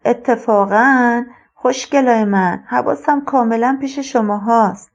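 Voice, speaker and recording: Woman reading the part of an old retired colonel, wistful father, slow musing delivery, fairly high voice, dull lo-fi sound. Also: lightly acted.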